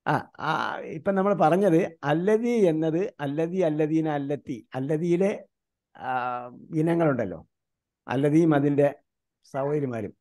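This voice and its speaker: A man from India teaching an online grammar class, quizzing his students with repeated questions and slowly reciting grammar terms. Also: on the high side, warm tone.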